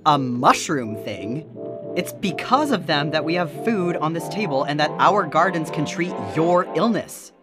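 A woman's voice: low-pitched, expressive, unhurried, over music. A woman playing an earnest archivist in an audio drama, hesitant when pressed. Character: calm archivist Phe, earnest woman host.

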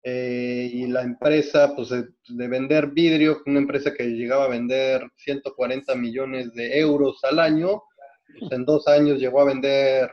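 A man's voice: mid-range voice, moderate pace. Methodical Mexican man, muffled audio. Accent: Mexican Spanish. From Mexico City. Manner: steady, methodical storytelling with frequent restarts. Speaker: guest, hospital executive. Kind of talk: podcast interview, recounting career.

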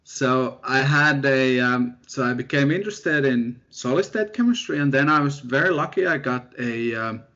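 In a casual interview chat, a young guest researcher from Finland keeps things relaxed and self-deprecating, with frequent pauses and fillers. His mid-pitched voice has a bright, forceful tone, while the audio itself sounds somewhat dull and lo-fi.

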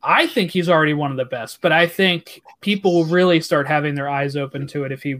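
High-voiced man in casual sports chat. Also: fairly quick, fairly bright tone. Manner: chatty, reads out lists of fixtures and scorers.

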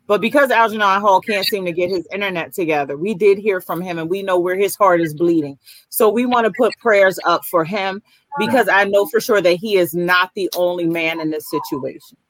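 A woman's voice: fairly low pitch, brisk, dry recording, rough recording. A woman hosting an online talk session, chatting in an enthusiastic, slangy way. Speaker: host. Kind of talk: casual online talk show chat.

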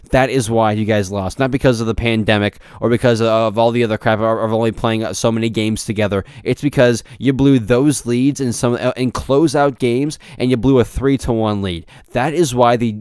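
Young male podcast host, smooth voice, dry close sound, opinionated and repetitive. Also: mid-range voice, darkish tone, dry recording. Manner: opinionated, repetitive, stumbles over words. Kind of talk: solo sports podcast rant.

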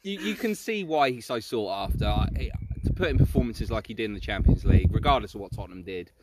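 A man's voice: fairly low pitch, expressive, fast, heavy background noise. A British man co-hosting a casual football podcast, giving his opinions in a blokey way and often repeating words as he goes.

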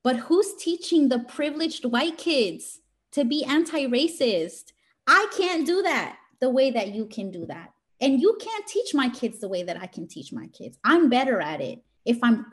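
A woman's voice: on the high side, very animated, normal speed. A woman giving an informal motivational talk in an emphatic, scolding teacher voice, speaking directly and colloquially.

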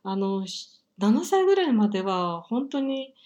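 Gentle reflective woman, lively pitch. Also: highs cut off. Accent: standard Japanese with some Kansai. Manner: gentle, reflective, many filler pauses. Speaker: podcast guest, workshop teacher. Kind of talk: casual interview chat.

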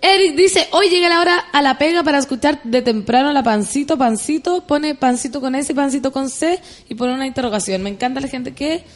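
A woman's voice: high voice, fairly quick, hardly any pauses. A Chilean woman hosting a radio show, chatting playfully and explaining things at length. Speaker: radio host. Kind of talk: casual radio chat.

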